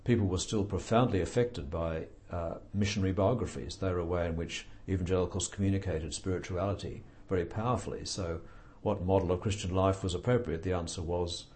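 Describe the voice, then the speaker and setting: An older author being interviewed answers questions in a very deep, mellow voice, taking a measured, reflective pace with fairly even intonation. He often pauses with fillers and slips in dry, understated humor.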